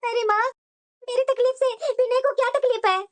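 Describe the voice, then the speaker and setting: A woman's voice: very high voice, steady tone, moderate pace. Woman voicing a jealous scheming cartoon daughter. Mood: bitter. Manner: whiny and spiteful. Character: jealous, scheming childless young married daughter. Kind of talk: cartoon voice acting.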